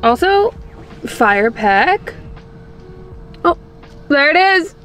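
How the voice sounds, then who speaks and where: Sing-song and drawing out her words, a high-voiced woman in her twenties vlogs about lifestyle and fitness, bubbly and gushing, over very heavy noise. She holds the camera at arm's length in her kitchen, her bedroom and later a parked car.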